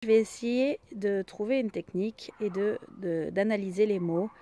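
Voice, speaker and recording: A woman teaching a reading game, sounding out each letter slowly one by one in a step-by-step demonstration. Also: medium pitch, warm tone.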